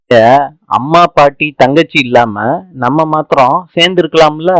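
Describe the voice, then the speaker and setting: A man voicing a shy, affectionate young husband in a serial recap narration, speaking gently and pleadingly. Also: fairly high pitch, moderate pace, no echo, close to an everyday voice.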